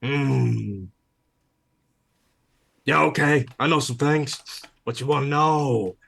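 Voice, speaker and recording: A man's voice: medium pitch, slow, gravelly, fairly bright tone, pitched above the performer's own voice, full character voice. A man voicing a blunt, greedy carnivorous seagull that keeps asking to taste people. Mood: crude, hungry. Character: hungry, rude carnivorous seagull.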